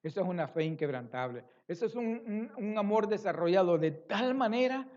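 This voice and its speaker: A man's voice: high voice, expressive, moderate pace, a little mellow, highs cut off. A man preaching a sermon as pastor, speaking expressively with rhetorical questions and repeated phrases. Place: church.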